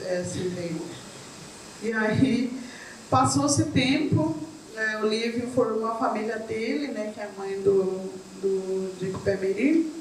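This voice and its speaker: A middle-aged Brazilian woman, appearing as a guest, tells her own story in a chatty, casual way full of tag questions. Her mid-range voice has a darkish tone. She's recorded from far off in an echoey room with faint noise.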